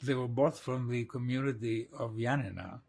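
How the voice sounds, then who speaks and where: A man in his eighties from Greece, slowly and reflectively recalling his childhood in an oral history interview, with soft laughs. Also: mid-range voice, creaky, husky. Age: 80s.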